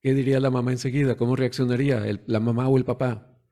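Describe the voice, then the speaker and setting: Speaking fast in a warm, mid-range voice with a level tone, a man gives a conversational sermon. He poses rhetorical questions to the congregation and performs the voices of parents and children.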